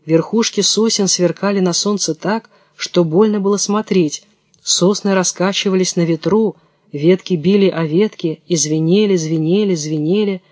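Man, fairy tale narrator, fairly high voice, calm even reading, dry close recording. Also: no echo. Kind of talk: storybook narration.

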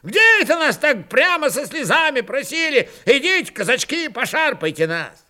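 A man voicing a wiry, hot-tempered old Cossack who shouts sarcastically. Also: very high voice, sing-song, moderate pace, pitched above the performer's own voice, full character voice. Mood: mocking.

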